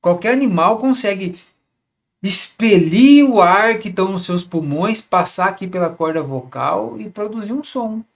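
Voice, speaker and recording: High-voiced man coaching couples. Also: expressive, normal speed, vocal fry. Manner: conversational, repeats words, asks rhetorical questions. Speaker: relationship coach. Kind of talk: casual teaching monologue.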